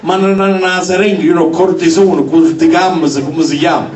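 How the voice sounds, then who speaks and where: A man's voice: on the high side, level tone, fairly quick, echoey room, far from the mic, crowd noise, pitched below the performer's own voice, lightly acted. A man playing a scheming old immigrant grandfather who speaks broken English mixed with dialect. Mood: coaxing.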